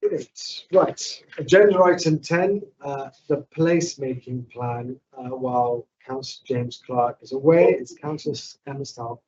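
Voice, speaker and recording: A man, the council leader, chairing a meeting and moving through items in a brisk, procedural way. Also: medium pitch, a little mellow. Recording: distant, muffled mic with faint noise.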